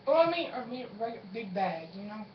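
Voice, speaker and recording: A fairly high-voiced woman banters as co-host of a homemade video. She is playful and teasing. She sounds set back from the mic in a roomy space, with noticeable noise. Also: sing-song, moderate pace. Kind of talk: casual, bantering chat. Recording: roomy, distant, muffled with clear noise.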